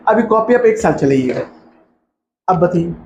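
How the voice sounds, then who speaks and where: A male coaching teacher, talking to a class in a joking, lively way and mimicking students. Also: high voice, takes it slowly, lo-fi sound. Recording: echoey classroom with faint noise.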